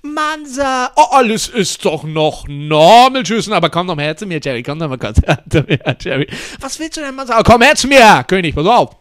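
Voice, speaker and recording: A hoarse man rattles through a crude comedy skit, often shouting and dropping English words into his German. His voice sits high, swings widely and cuts through bright and sharp, with a dry, close sound. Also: sing-song, fairly quick, hardly any pauses, no echo.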